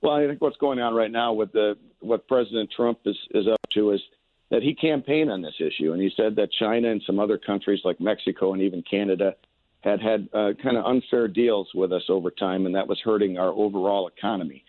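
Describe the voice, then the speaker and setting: A lowish-voiced American candidate speaks a little fast as a radio guest calling in by phone, with no echo on the line. His interview answers use folksy stump-speech phrasing and hesitant repeats, heard through a narrow, tinny telephone connection.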